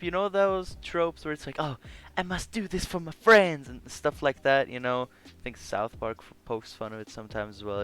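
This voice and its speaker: A man's voice: medium pitch, a bit bright, clear, resonant tone. A young man hosting a goofy fan dub of a game, joking and reading lines in casual banter. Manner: jokey, laughing, reads lines over the game audio. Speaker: host voicing game characters.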